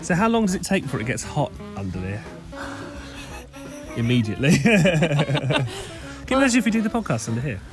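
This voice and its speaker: A man's voice: on the high side, brisk, pauses often, over music. Playful man co-hosting a podcast. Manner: playful, teasing, animated. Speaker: podcast co-host. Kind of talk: casual chat. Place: podcast studio.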